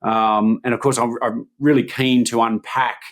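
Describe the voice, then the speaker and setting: Australian male podcast host, mid-pitched, halting interviewer with lots of fillers. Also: steady tone. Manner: hesitant, many fillers and restarts.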